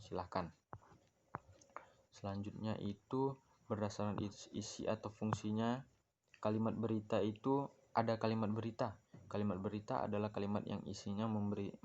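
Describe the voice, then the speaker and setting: A man's voice: on the low side, darkish tone, dull audio, a little hiss or hum. A young man, a student, reads a grammar lesson aloud from his notes, with small stumbles and self-corrections. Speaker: student presenting a class assignment.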